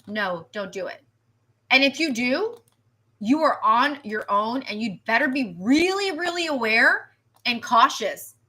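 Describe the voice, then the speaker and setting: A woman meteorologist giving a live weather stream, animated and chatty, repeating herself and reacting to viewer comments. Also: on the high side, a little slow.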